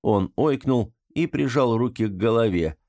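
A man narrating an audiobook with lively, expressive storytelling. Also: medium pitch, moderate pace, no room sound, clean studio sound.

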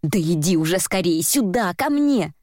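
Woman doing a sharp, urgent heroine, exasperated, a bit raised pitch, dry sound. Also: animated, moderate pace, no room sound, lightly acted. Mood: impatient. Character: desperate, sharp-tongued woman trapped in a bath.

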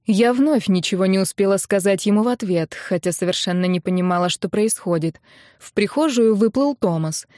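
A woman narrating a first-person novel in a steady storytelling voice. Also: medium pitch, moderate pace, no echo, clean studio sound. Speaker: audiobook narrator.

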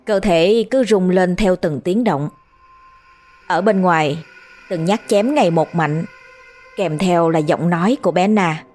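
A woman's voice: fairly low pitch, faint music behind. Woman narrating a horror story. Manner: steady, measured storytelling.

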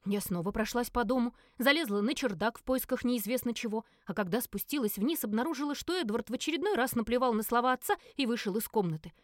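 A woman narrating a first-person audiobook in a lively acted reading, briefly giving each character a voice. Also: on the high side, quick pace, few pauses, no echo, clean studio sound.

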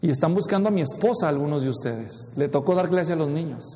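High-voiced pastor in an echoey hall. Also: male voice, lively intonation, fast, warm tone. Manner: asks the congregation questions, varies his pace widely. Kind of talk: sermon. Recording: echoey hall with long reverb.

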